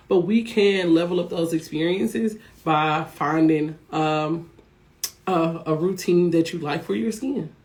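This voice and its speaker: A woman's voice: lowish voice, a little mellow. A woman business coach talking casually from her office, chatty and encouraging, often checking in with her listeners. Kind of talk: casual motivational talk to viewers.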